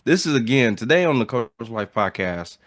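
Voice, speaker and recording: A man's voice: mid-range voice, big pitch swings, moderate pace, dry recording, studio quality. A man hosting a podcast in casual chat, opening with upbeat intros and repeated phrases. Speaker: podcast host.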